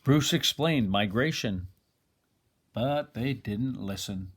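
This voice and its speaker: An older man reading a children's picture book aloud expressively, like a grandfather, with dramatic pauses. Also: mid-range voice, lively intonation, slightly rough.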